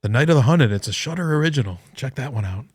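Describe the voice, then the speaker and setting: A man's voice: medium pitch, breathy edge, dry recording, studio quality. A man co-hosting a horror movie podcast, chatting casually and filling in details about films and actors. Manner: animated, informative, quick to list film credits. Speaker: podcast co-host.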